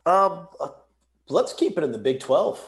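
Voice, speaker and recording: A man's voice: on the high side, very animated, a little slow. A young man talking casually as a podcast guest on sports betting, with a big echo from an empty room. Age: young adult. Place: stripped-down home office, nearly empty room.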